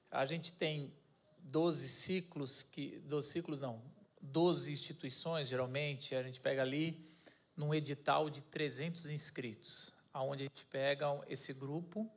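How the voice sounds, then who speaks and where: A man preaching a casual sermon, joking and correcting himself as he goes. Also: a little high. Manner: chatty, jokey, self-correcting. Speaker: pastor.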